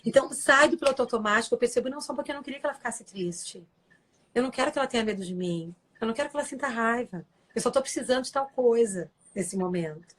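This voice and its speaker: A woman's voice: on the high side, fast, a bit bright. A woman giving an earnest, explanatory talk as a guest on a live stream, acting out quoted lines and often checking in with tag questions.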